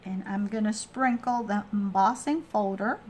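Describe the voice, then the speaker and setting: A woman giving a casual hands-on craft tutorial, explaining each step in a halting way and restating as she goes. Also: mid-range voice, darkish tone, slight background noise. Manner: halting, trailing off and restating steps.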